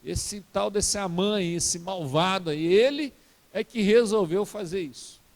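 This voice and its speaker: A man's voice: sits high, a little slow, a little mellow, pitched below the performer's own voice. A man voicing a direct young queen. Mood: earnest.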